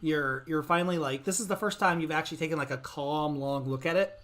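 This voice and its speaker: A woman's voice: deep voice, fast talker, a bit bright. Woman game master, chatty and giggly, loose rambling narration. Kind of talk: narrating a live tabletop game.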